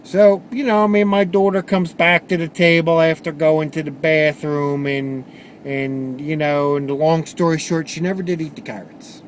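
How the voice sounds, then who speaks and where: A man with a fairly high voice tells a personal story candidly. He stumbles and repeats words as he goes, and he swears bluntly. A faint hiss sits under his voice. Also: fairly even intonation. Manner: halting, repeats words while gathering his thoughts. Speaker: vlogger sharing personal stories.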